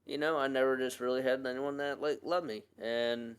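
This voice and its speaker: A young man speaks in a personal podcast monologue at a middle pitch, earnest and rambling. He starts over often and leans on many fillers as he talks. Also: fairly even intonation, normal speed, clean tone. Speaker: podcast host.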